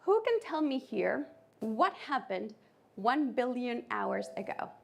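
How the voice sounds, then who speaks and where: A woman from Colombia with a Colombian Spanish accent, giving a lively conference talk to an audience. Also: on the high side, slow, gravelly. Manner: lively, audience-engaging presenter. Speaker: conference speaker.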